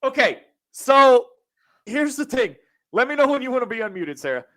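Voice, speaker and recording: A man's voice: very high voice, very animated, normal speed, sharp tone. A man hosting a casual podcast chat over an online call, loose and profane, running the show. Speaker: podcast host.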